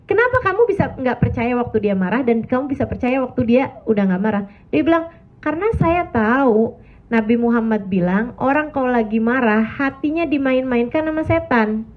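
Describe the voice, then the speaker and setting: A middle-aged woman preaching to women in a chatty, lively storytelling way, acting out the people she quotes. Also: fairly high pitch, moderate pace. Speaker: Islamic preacher. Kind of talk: religious talk to women. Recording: tinny phone-like recording.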